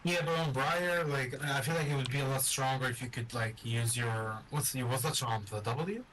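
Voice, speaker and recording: A young man chatting casually with his gaming friend, teasing him in slangy, halting speech. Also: mid-range voice, a bit bright, a little hiss or hum. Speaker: friend of the host.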